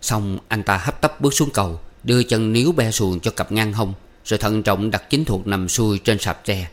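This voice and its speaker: A man narrating a story in a steady, even way. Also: fairly low pitch, moderate pace. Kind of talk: audiobook narration.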